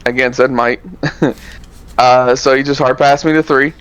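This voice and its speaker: A podcast co-host on a card game show recaps tournament rounds in a loose, relaxed ramble full of fillers and self-corrections. His medium-pitched voice is unhurried and clean in tone, though the recording sounds muffled.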